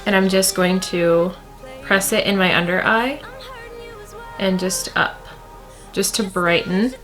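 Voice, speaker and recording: A woman at a middling pitch talks viewers through a makeup routine. She is chatty and casual, doubling up on words to stress a point. Soft music plays faintly behind her. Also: steady tone, takes it slowly. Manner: chatty, repeats words for emphasis. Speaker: beauty vlogger. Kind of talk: makeup tutorial talk.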